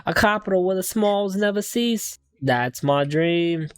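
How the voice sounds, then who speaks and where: A man's voice: high voice, animated, unhurried, clear, resonant tone, voice pushed up. A man voicing a pompous, grandiose male celebrity of London with a put-on British accent, reading game dialogue on a live stream. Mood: grand.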